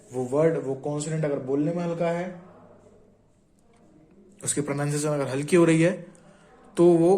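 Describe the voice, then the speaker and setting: Young male tutor, slightly high voice, repeats each sound and quizzes the learner, casual lesson. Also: darkish tone, low-quality recording. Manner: explains patiently, repeats sounds and quizzes the viewer. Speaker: shorthand teacher. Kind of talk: informal classroom-style tutorial.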